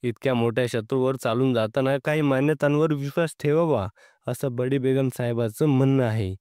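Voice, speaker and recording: A man's voice: medium pitch, darkish tone, clear, resonant tone, no echo, clean studio sound, natural voice. A man reading as a deferential army advisor. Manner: deferential, measured. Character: cautious male army advisor.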